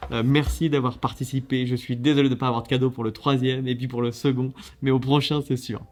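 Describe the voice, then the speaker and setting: A man hosting a casual video, judging contest entries in a lively, chatty way with many fillers and restarts. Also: mid-range voice, fast.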